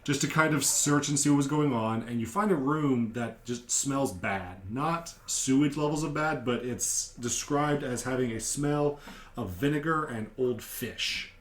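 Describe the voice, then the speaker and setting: A man of average pitch speaks as a game master in casual conversation. He retells a tabletop session step by step, in an explanatory way. The room around his voice is noticeably echoey. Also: unhurried, fairly bright tone.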